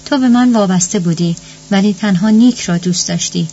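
A hurt grown daughter pleads and reproaches, as a woman narrator reads her part. It is an audiobook reading at an average pitch. The sound is slightly dull, with a faint hum underneath. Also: dark tone, close to an everyday voice. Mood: pleading. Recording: muffled recording with faint hum.

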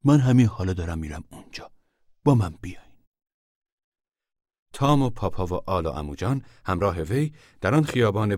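A man narrating an audiobook in a measured, even reading. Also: low voice, dry recording, clean studio sound.

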